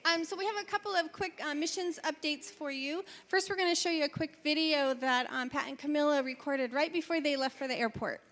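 A woman's voice: high-pitched, fairly quick, few pauses, fairly bright tone. A woman making informal church announcements from her notes, talking to the congregation.

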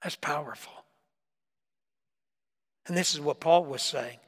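A man preaching a sermon in a church, telling stories with emphasis and dropping between loud lines and hushed ones. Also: on the high side, a little slow, husky. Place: church sanctuary. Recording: reverberant church hall.

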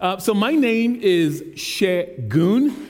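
A man in his thirties with a bright, high-set voice delivers a relaxed, conversational sermon. He slips in self-deprecating jokes as he goes. A long hall reverb trails every phrase. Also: takes it slowly. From United States. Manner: casual, self-deprecating and joking. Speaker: teaching pastor. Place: large church sanctuary.

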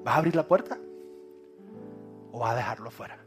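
A man preaching a sermon, swinging from loud calls to hushed, low lines. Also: expressive, fairly quick, music in the background. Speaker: pastor.

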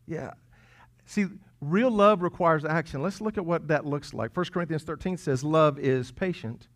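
Man pastor preaching; easygoing, teasing, punches key lines then drops low. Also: moderate pace. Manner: conversational and playful, swinging between loud emphasis and quiet asides. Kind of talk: sermon. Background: congregation chuckling.

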